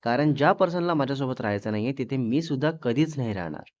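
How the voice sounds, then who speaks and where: A man's voice: mid-range voice, lively intonation, quick pace, darkish tone, close to an everyday voice. A man voicing a fiery, teasing young wife, who scolds and bosses her husband. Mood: angry. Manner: scolding, bossy. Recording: dull dry lo-fi recording.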